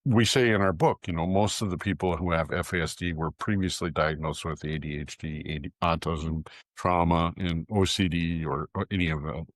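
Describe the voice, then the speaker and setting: Deep-voiced frank man, dry sound. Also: steady tone, normal speed, few pauses, dry recording. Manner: emphatic, frank, agrees often. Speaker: guest author. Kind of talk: conversational interview.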